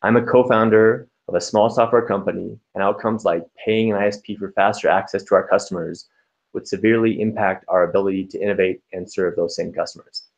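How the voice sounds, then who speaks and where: A man on a panel, co-founder of a small software company, reading measured, formal prepared remarks. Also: fairly low pitch, fairly even intonation, poor audio.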